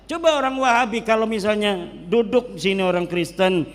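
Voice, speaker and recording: A man with a Bantenese accent giving an animated religious lecture, switching into regional dialects as he talks. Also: high-pitched, normal speed. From Indonesia. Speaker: preacher. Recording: long hall reverb.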